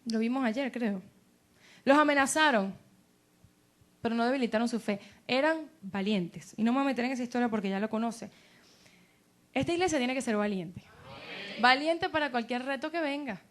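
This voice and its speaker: High-voiced woman pastor preaching. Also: moderate pace, pauses often. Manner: animated preaching, voices quoted doubters in a dropped tone. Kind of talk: sermon.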